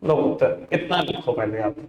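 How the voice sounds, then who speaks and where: A man's voice: medium pitch, lively intonation, moderate pace, darkish tone, dull audio. Coaxing male accounts teacher, echoey room. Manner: coaxing, addresses students as beta and babu. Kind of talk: classroom lecture.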